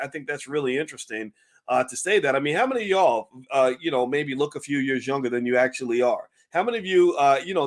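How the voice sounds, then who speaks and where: A man hosting his own channel, talking casually to viewers, chatty and amused, with many restarts and questions to the audience. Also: mid-range voice. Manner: chatty, laughing, lots of restarts and asides to viewers. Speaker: channel host. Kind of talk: casual talk-show commentary.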